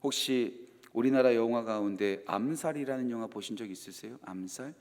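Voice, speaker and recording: A man, the senior pastor, preaching a sermon that swings from loud, urgent lines to near-whispered tender ones. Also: medium pitch, moderate pace. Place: church sanctuary. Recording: long hall reverb.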